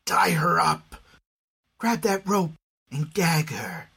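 A man voicing a hardened male adventurer who speaks low and tersely and barks orders in a fantasy story. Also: sing-song, slow pace, gravelly, pushed and bright, slightly rough, full character voice. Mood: grim. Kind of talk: audio drama storytelling.

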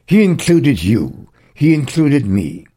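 A man's voice: mid-range voice, big pitch swings, slow pace, mellow. A man preaching an earnest radio sermon as a Bible teacher, with emphatic repetition.

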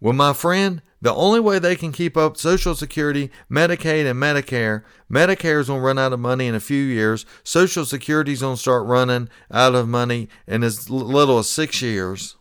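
A man's voice: mid-range voice, fairly quick, hardly any pauses, a bit bright, smooth, dry recording, clean studio sound. Folksy man preaching common sense. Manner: folksy, preachy, repeats phrases for emphasis. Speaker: podcast host, retirement financial advisor. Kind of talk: monologue podcast commentary.

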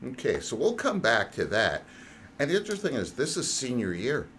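A man's voice: medium pitch, wildly swooping pitch, moderate pace, a bit bright, slight background noise. A man in his sixties hosting a podcast interview, reading a scripted intro and then teasing his guests playfully. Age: 60s. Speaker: podcast host.

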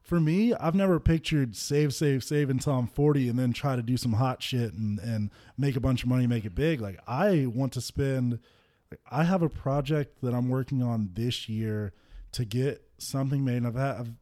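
Here the same kind of relaxed podcast chat comes from a twenty-something football player acting as co-host, spinning stories and laughing readily. He speaks in a mellow, mid-range voice at a moderate pace.

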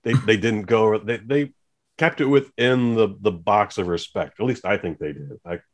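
A man hosting a casual podcast chat, talking in an animated way and acting out scenes he describes. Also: lowish voice, normal speed. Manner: animated, acts out quotes. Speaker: podcast host.

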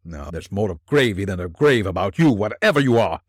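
A sour old miser trying to sound dismissive while his nerve fails, his words clipped and dry, as a male reader acts him out. The voice swings widely in pitch from grumbling lows to anxious highs. It sits close and dry on the mic. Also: animated, fairly quick, no echo. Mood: wry, dismissive. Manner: dry, clipped retorts turning pleading. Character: miserly old man, wry but frightened. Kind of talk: storybook reading.

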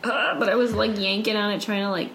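A woman's voice: medium pitch, steady tone, fast, a crowd in the background. A woman in her thirties co-hosting a casual podcast, playful and wry, often laughing through her lines. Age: 30s. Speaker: podcast co-host. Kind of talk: casual chat.

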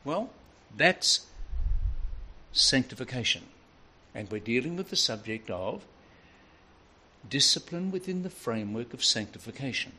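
A man's voice: mid-range voice, a little slow, long pauses, breathy edge. Older man preaching a storytelling sermon. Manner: storytelling, lively and varied delivery.

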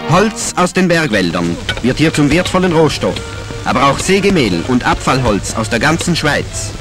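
A man's voice: medium pitch, moderate pace. A man narrating an old newsreel in a declamatory announcer style, played from an archive soundtrack. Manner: lively, declamatory announcer delivery. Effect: old newsreel soundtrack with music behind. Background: music.

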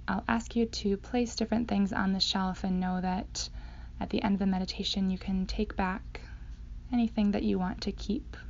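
A woman guides a meditation at medium pitch, speaking slowly in a soothing, hypnotic way with long pauses, and her voice turns breathy at the ends of phrases. The recording sounds dull, with faint background noise.

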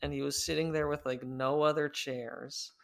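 A man's voice: on the high side, level tone, normal speed, vocal fry, fairly bright tone. A man co-hosting a casual podcast, making wry remarks with trailing asides. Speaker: podcast co-host.

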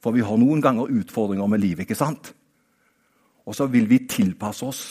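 A man preaching a sermon. He talks straight to his listeners, rising to emphatic high points and then dropping to quiet asides. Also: breathy edge. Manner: animated, talks straight to the listener with repeated "vet du hva?"; swings between raised, emphatic peaks and quiet, low-voiced asides.

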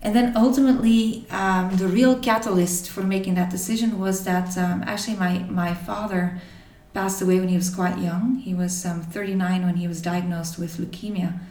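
A woman's voice: lowish voice, fairly even intonation, a little mellow, distant mic. Reflective woman from Belgium, roomy echo. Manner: thoughtful, many pauses and restarts. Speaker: interview guest. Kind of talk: reflective personal storytelling.

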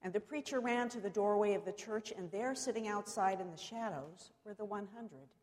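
A woman preacher delivering a cathedral sermon in measured, solemn oratory, pausing deliberately between short phrases. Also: mid-range voice, a little mellow. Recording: long reverberant echo of a large hall.

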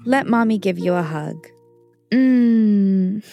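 A woman playing a caring mother who calmly explains kitchen safety to her child in a children's show. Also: medium pitch, slow pace, gravelly, soft background music. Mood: reassuring. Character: caring mother, warm and reassuring.

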